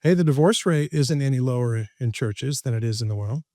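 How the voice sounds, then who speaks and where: Male motivational speaker as podcast guest: mid-pitched, animated, quick to joke, close and dry. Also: no echo. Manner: lively, jokey, laughs at his own lines. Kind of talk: animated storytelling in conversation.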